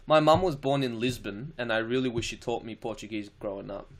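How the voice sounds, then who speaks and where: A young man from Australia, medium-pitched and talking a little fast with an Australian accent. He answers viewer questions on a live stream in an easygoing, slangy style with casual swearing.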